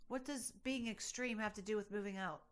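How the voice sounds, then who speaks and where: A woman's voice: medium pitch, a little fast. A woman co-hosting a podcast in casual chat, arguing bluntly and sounding exasperated. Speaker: podcast co-host.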